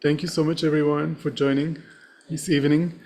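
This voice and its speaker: A man leading a guided meditation as its teacher, speaking in a serene, gentle and measured manner. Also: a little high, flat delivery, rough recording.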